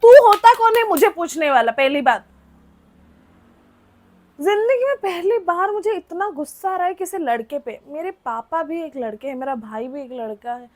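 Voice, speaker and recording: A young woman with a strikingly high voice tells a story from her own life to her viewers. She talks straight to the camera in a heated, animated way, blunt and quick to swear. It sounds like a casual storytime rant. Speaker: vlogger telling a personal story.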